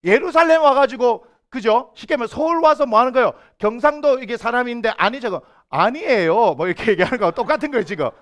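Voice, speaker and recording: A middle-aged male pastor preaches a sermon with a very high, lively voice. He keeps asking the congregation questions and briefly slips into the voices of the people he quotes. The talk rises and falls across a wide range. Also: quick pace, hardly any pauses. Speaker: senior pastor. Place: church sanctuary.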